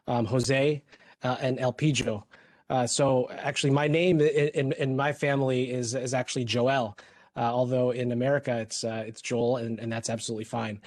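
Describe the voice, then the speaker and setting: A hospital executive from the Philippines shares his personal story with colleagues, hesitating often and filling his speech with fillers and restarts. His voice sits in the mid-range with a darkish tone, and the recording is dry.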